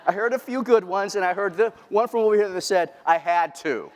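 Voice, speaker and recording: A man giving a humorous keynote talk to a live audience, lively and quizzing the crowd. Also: high-pitched, fast talker, slight background noise. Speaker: keynote speaker. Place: large lecture hall before an audience. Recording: long reverb of a large hall.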